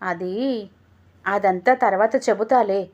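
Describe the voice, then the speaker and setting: A woman's voice: on the high side, measured pace, lo-fi sound, natural voice. A woman voicing a scheming widowed mother-in-law who talks in a wheedling, evasive way.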